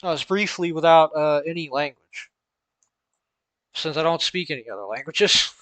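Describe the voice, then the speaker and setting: A man's voice: fairly high pitch, moderate pace, a bit bright, dry recording. A man with a Southern US accent talking through logic notation in a casual, thinking-aloud tutorial with chuckling asides. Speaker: math logic streamer. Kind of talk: casual screen-recorded tutorial.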